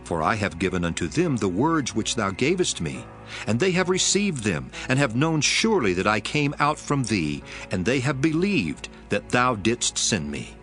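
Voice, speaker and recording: A man's voice: on the low side, sing-song, normal speed, fairly bright tone. A man playing Jesus, a solemn, tender teacher, in a dramatized scripture reading with earnest, prayerful delivery. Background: background music.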